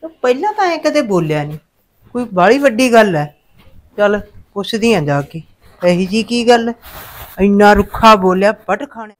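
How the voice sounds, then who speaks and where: A woman's voice: medium pitch, expressive, normal speed, lightly acted. Fretful middle-aged Punjabi aunty played by a woman. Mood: grumbling. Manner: Punjabi aunty way of talking, grumbling and fretting. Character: nagging, anxious Punjabi village mother and wife. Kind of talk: short-film family drama acting.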